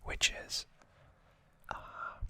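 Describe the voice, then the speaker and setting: Whispering breathily with no voicing, an ASMR host gives a recap, keeping it hushed and pausing between short phrases.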